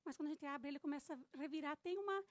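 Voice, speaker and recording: High-voiced woman hosting a podcast. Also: rapid-fire, dry recording. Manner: warmly coaxing, rambling questions. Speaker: podcast host. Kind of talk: interview questions.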